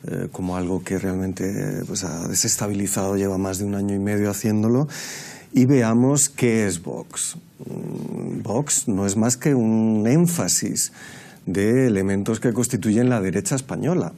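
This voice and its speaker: Measured man giving political analysis. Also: lowish voice, expressive, gravelly, dark tone. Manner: measured, lecturing, many hesitations. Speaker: political panelist. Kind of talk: analytical debate commentary.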